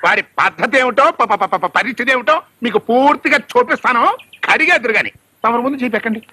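A man's voice: extremely high pitch, fast, pushed and bright, husky, exaggerated voice. A man playing a declamatory character in a film comedy scene. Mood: declaiming. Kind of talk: Telugu film comedy dialogue.

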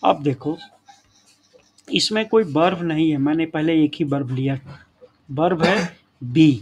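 A man's voice: fairly high pitch, unhurried. A man with a slightly raised voice gives a grammar lesson and keeps checking that his students are following along. Faint background hiss sits under the recording. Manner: addresses students as children, frequent checking tags. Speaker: English teacher.

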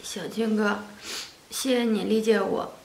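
A young woman playing a pregnant daughter who speaks softly and politely. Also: medium pitch, steady tone, a little slow, gravelly, reverberant, rough recording. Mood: subdued. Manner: soft, subdued, polite. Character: gentle pregnant young woman cast out by family.

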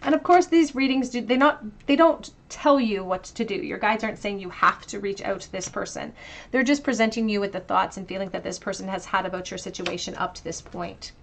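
Gentle woman giving a tarot reading. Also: mid-range voice, brisk, a little hiss or hum. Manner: gentle, reflective, talks directly to the viewer. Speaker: tarot reader. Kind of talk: pick-a-card tarot reading.

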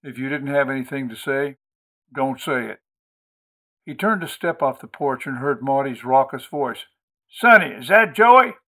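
Steady male audiobook reader. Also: mid-range voice. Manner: steady, measured reading. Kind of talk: audiobook narration.

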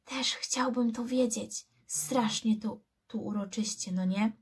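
A woman's voice: mid-range voice, unhurried, slightly rough. A woman voicing a nervous boy who answers in a whisper, in a storybook reading. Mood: uneasy. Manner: hushed whisper. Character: frightened boy whispering back in the dark.

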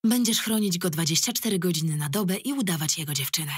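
A tired, gruff police chief with a fatherly streak, as a woman plays him lays down the terms firmly and plainly. The voice is low and gravelly, with a husky grain. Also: moderate pace, dry recording, clean studio sound, full character voice. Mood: firm, weary. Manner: firm, tired and plain-spoken. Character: weary middle-aged male police commander, gruff but fatherly.

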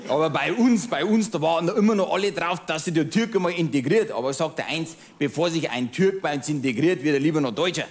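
A comedian putting on a bigoted middle-aged Bavarian loudmouth with a thick Bavarian accent. He rants in a smug, self-satisfied way and keeps nudging the listener with "verstehst?". His voice sits a little high for a man. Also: lively intonation, brisk, hardly any pauses, crowd noise. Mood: smug ranting. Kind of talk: cabaret monologue.

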